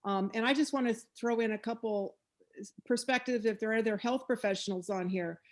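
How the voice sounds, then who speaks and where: A woman's voice: on the high side, brisk. A woman health professional and coach speaking on a group video call, conversational and explanatory with a light touch of humor. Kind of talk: casual sharing on a video call.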